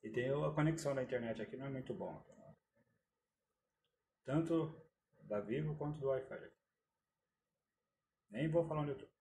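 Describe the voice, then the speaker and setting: A man's voice: mid-range voice, normal speed, long pauses, warm tone. A man hosting a casual live stream from his phone, greeting viewers and checking the sound. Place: room with air conditioning. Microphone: phone camera. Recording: roomy phone recording with faint room noise. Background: air conditioner hum.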